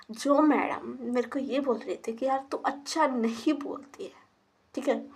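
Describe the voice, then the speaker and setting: A young woman, hosting a solo podcast and casually telling a personal story, quoting herself and her teachers. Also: on the high side. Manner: chatty, animated, quotes herself and teachers.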